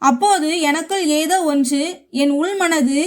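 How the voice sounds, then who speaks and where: Woman reading a story out loud, high voice, steady and even. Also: unhurried. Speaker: story narrator. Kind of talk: first-person story narration.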